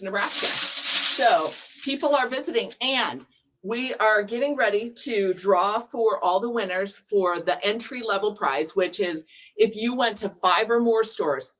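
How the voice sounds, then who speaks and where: A woman's voice: medium pitch, a little slow, fairly bright tone, slight background noise. A woman hosting a live prize drawing in a casual, chatty way, laughing often and stumbling over names. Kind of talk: casual live-stream chat.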